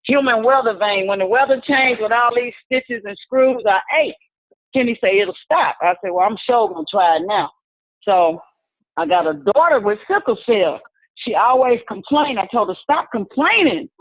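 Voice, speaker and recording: A woman's voice: a little high, lively intonation, moderate pace, no room sound. Older woman caller, chatty storyteller, dry tinny phone sound. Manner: chatty, storytelling, acts out quotes. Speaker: caller giving a testimony. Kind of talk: casual spoken testimony. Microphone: phone call into a video meeting.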